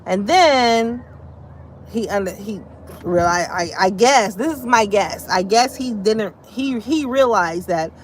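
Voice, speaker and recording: A woman's voice: medium pitch, animated, slow, a little hiss or hum. A woman hosting a casual live stream from home, chatting to her viewers and calling them y'all and baby. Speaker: livestream host.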